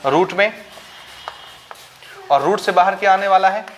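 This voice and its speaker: Here the teacher's high voice comes a little slowly, and the recording has its highs cut off plus a faint hiss or hum. He's a man with a Chhattisgarh Hindi accent teaching maths board-style, explaining each step, answering his own questions to the class, and blending English maths vocabulary into Hindi.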